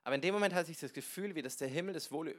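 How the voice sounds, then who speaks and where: A man preaching a sermon, telling personal stories with lively, animated delivery and acting out conversations with sudden loud bursts. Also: a little high, rapid-fire. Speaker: pastor.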